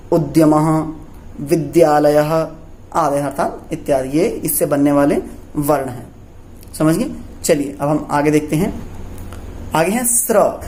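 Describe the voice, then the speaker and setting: A man's voice: fairly high pitch, mellow. A man teaching a Sanskrit lesson for young pupils. He asks questions and answers them himself, checking in often as he goes. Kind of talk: classroom lesson explaining letters.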